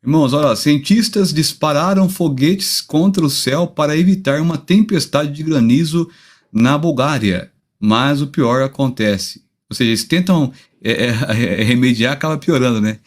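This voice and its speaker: A man with a Brazilian Portuguese accent reads news aloud with casual asides as a pastor co-host, his speech a little slurred and slowed by a recently pulled tooth. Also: a little high. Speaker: pastor co-hosting a talk show, reading news reports.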